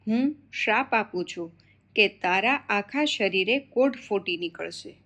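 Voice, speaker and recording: A woman's voice: medium pitch, expressive, a little slow, fairly bright tone. Angry goddess, stern and commanding, pronouncing a curse, voiced by a woman narrator, devotional storybook telling, plain mid voice. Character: goddess Parvati, angry, cursing a liar.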